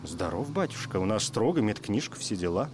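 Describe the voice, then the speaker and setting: A man's voice: on the low side, very animated, fairly quick, background noise. Man doing a meek pitiful dragon. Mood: plaintive. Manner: meek, humble, plaintive. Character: battered meek male dragon, humble and pitiful.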